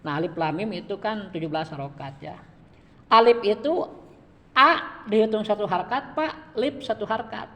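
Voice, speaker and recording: A man's voice: high voice, normal speed, pushed and bright. A man giving a one-on-one Quran reading lesson, patient and repetitive, often checking in with his student. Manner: patient, repeats each point and keeps addressing the student. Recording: reverberant room.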